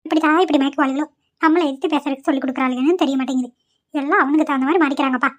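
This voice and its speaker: A woman's voice: high voice, fairly even intonation, racing, natural voice. Woman voicing a harsh scolding mother-in-law. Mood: scornful. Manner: sharp, scolding. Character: domineering older mother-in-law, harsh and cold.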